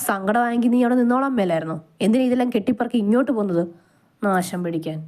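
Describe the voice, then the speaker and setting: A woman's voice: mid-range voice, fairly even intonation, fast, mellow, close to an everyday voice. A woman voicing a curt, irritable young male lecturer in a storybook reading. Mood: irritated. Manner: curt, scolding.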